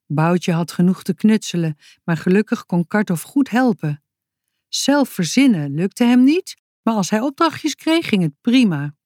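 Slow, expressive woman reading a children's story. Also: medium pitch, no echo, studio quality. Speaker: author reading her story.

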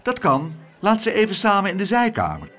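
A man's voice: sits high, huge pitch swings, a little fast, a bit bright, faint music behind, pitched above the performer's own voice, full character voice. A fussy, gushing rich lady from a storybook, as a male narrator puts her on. She speaks eagerly, with her voice leaping around a lot.

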